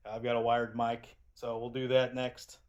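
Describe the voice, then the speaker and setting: A man's voice: mid-range voice, completely flat delivery, normal speed. A man giving a casual, rambling product review as the channel's host, often restarting his sentences. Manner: chatty and rambling, with frequent restarts.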